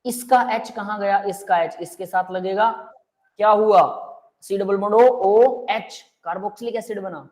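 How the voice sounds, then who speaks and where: A man's voice: high voice, a little slow. Easygoing guy teaching chemistry online, keeps asking if everyone gets it, calls the kids beta. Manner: explains step by step, keeps checking the class understands; relaxed and friendly, calls students "beta" and "bhai". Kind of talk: live online chemistry lecture.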